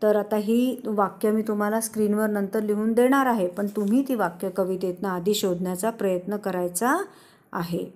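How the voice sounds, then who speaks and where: A woman teacher, patiently explaining a lesson to children and repeating instructions slowly. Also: medium pitch, fairly even intonation, darkish tone. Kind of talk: online class lesson for children.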